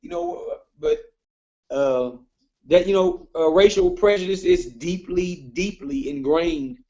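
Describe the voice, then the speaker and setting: Male co-host, preacherly and agreeable, slightly high voice, muffled lo-fi recording. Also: wildly swooping pitch, takes it slowly, vocal fry, mellow. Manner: preacherly, agreeing often, stammering restarts. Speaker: podcast co-host. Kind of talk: casual chat.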